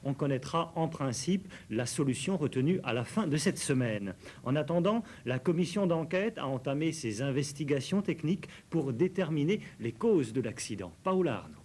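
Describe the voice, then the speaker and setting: A man's voice: a little high, expressive, moderate pace, a little mellow, slightly rough. A man presenting scripted television news as the anchor.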